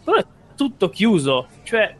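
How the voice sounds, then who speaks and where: Male co-host, slightly high voice, informal explainer with loose asides. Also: very animated, measured pace, faint music behind. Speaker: podcast co-host. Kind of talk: casual chat.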